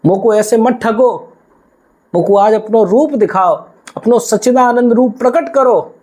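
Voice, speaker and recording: Man playing an old holy man, tearful, imploring, high mellow voice. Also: a little slow. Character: weeping old holy man begging for a vision.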